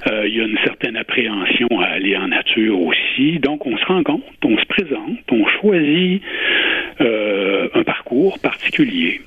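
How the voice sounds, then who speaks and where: Husky Quebec French man on phone-like line. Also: fairly low pitch, animated, a little slow. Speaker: interview guest, retired public servant and volunteer. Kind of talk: conversational interview answers. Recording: muffled phone-like radio line with echo.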